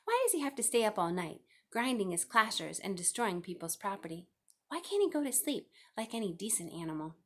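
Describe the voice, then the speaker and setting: A woman's voice: mid-range voice, sing-song, fairly quick, fairly bright tone. A woman voicing an earnest, anxious young male pig, polite and naive, in a children's storybook. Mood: annoyed. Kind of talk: children's storybook read-aloud.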